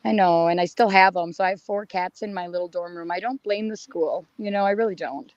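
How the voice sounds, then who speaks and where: A young adult woman chatting casually as a caller, her voice hoarse and raspy as if she is losing it. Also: fairly low pitch, fairly quick, no echo. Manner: raspy, strained talk. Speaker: caller, college student. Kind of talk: casual chat. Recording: dull lo-fi online audio.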